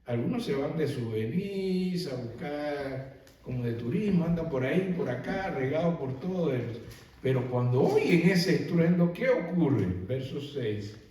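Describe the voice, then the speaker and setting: A man preaching a sermon as pastor, animated and asking the congregation rhetorical questions. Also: on the high side, a little slow. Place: church sanctuary. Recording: very echoey hall, mic far off.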